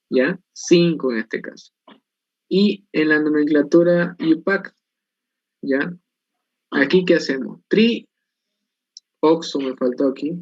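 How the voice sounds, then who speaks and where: A man's voice: medium pitch, a little mellow, dry recording. A man teaching a chemistry class online, explaining step by step and asking and answering his own questions. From Bolivia. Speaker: chemistry instructor. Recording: dull, dry lo-fi recording.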